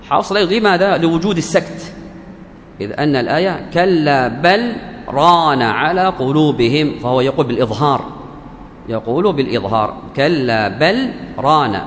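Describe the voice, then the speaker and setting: A man teaching the rules of Quran recitation, explaining each rule and then slowly reciting short verse examples. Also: fairly high pitch, in a large hall, slight background noise. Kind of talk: tajweed lesson.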